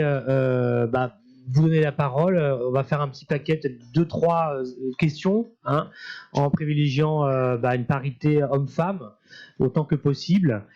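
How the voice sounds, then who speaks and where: A man informally moderating a public discussion, halting and searching for his words as he hands out turns. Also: fairly high pitch, a little mellow, lo-fi sound. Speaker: panel moderator.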